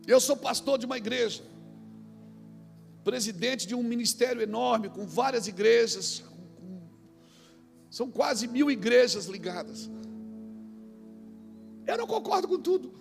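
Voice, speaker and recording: High, gravelly Brazilian preacher man. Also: measured pace, long pauses, faint music behind. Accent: Brazilian Portuguese. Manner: preaches with swings from shouting to quiet storytelling. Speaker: pastor. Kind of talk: sermon.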